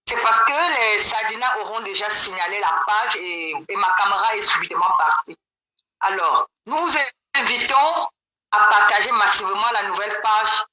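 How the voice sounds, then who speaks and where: A woman caller heard over a speakerphone, giving an emphatic, rousing political address straight to the audience. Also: medium pitch. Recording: roomy speakerphone call with crowd noise.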